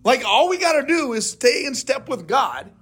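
High, lively husky-voiced pastor teaching. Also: male voice, moderate pace. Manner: conversational, asks and answers his own questions. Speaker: pastor leading a Bible study. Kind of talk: casual teaching with questions to the group. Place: church classroom.

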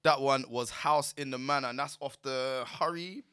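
Bright London roadman radio host. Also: medium pitch, normal speed, smooth, dry recording, studio quality. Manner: London roadman slang, repeats himself. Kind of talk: upbeat radio show chat with London street slang.

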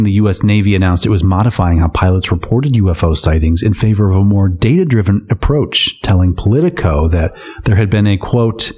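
Sarcastic man reading odd news. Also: lowish voice. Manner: sarcastic, deadpan asides. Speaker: podcast co-host. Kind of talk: comedic news-reading chat.

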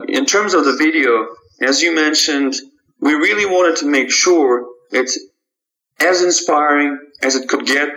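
A man from Kazakhstan, a startup founder answering interview questions in a measured, halting way with frequent restarts. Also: medium pitch, bright, forceful tone, poor audio.

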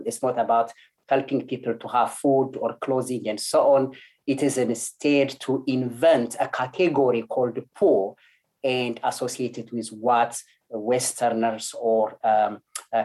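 A man's voice: medium pitch, a little mellow. A man from Ethiopia speaking as a lecturer on an online panel, hesitant with many fillers and restarts. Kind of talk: academic panel talk.

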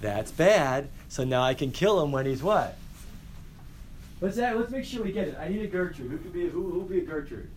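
A man teaching a high school class, lively and directing students to act out a scene. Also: brisk, slight background noise, rough recording.

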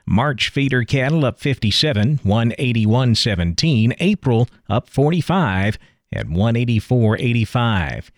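A man reading a scripted farm market news report as a radio anchor, with measured broadcast delivery. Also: medium pitch, no room sound, clean studio sound.

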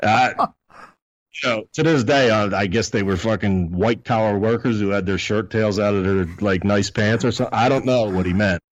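Low-voiced man telling profane anecdotes. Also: moderate pace, no room sound, muffled recording. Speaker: podcast guest. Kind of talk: casual storytelling.

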